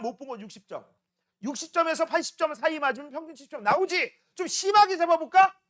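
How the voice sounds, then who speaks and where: A middle-aged man teaching a science class, joking roughly with his students and constantly checking in with tag questions. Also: extremely high pitch, pushed and bright. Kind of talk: classroom lecture.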